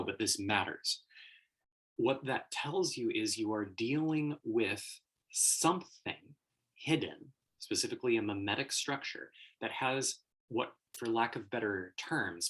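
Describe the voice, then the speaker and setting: A man's voice: mid-range voice, pushed and bright, slightly rough, low-quality recording. A man talking casually as host, explaining an idea at length, laughing often and acting out quoted voices. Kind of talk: casual explanatory livestream talk.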